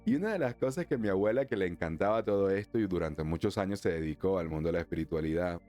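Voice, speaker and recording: A man from Venezuela hosting a solo spiritual podcast, chatty, laughing often, slowing down for emphasis and then speeding up. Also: deep voice, dark tone, soft background music. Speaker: podcast host, emotional wellness therapist.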